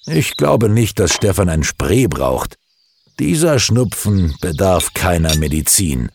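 A man's voice: sits low, sing-song, slow, vocal fry, background noise, exaggerated voice. A man voicing a stern father who lectures his son with pointed questions in a storybook reading. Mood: knowing. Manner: reproachful, questioning.

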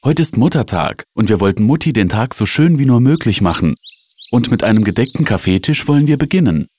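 A man voicing an eager, bossy young girl in a read-aloud storybook, raising his deep voice and sounding urgent. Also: expressive, brisk, a little mellow, a little hiss or hum, close to an everyday voice.

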